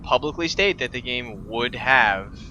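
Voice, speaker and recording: A man's voice: medium pitch, animated, measured pace, bright, forceful tone, slight background noise. A man on a gaming podcast, talking casually and emphatically.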